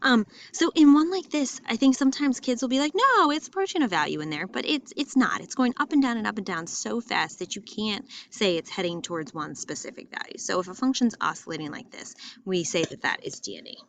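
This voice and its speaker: A woman teaching a math lesson in a school, talking in a lively, emphatic way and repeating phrases for stress. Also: medium pitch, a little fast, hardly any pauses, a little hiss or hum. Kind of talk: classroom lesson walking through graphs. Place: school classroom or building with loudspeaker.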